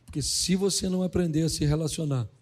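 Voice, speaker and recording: Lively high-voiced man preaching with humor. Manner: animated, acts out dialogue in quick funny voices. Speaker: pastor. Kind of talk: humorous sermon.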